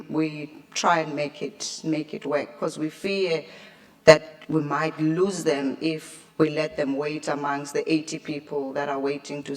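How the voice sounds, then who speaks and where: A South African woman, a liver clinic doctor, answering a conference question with hesitant restarts and fillers. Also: low voice. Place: conference room.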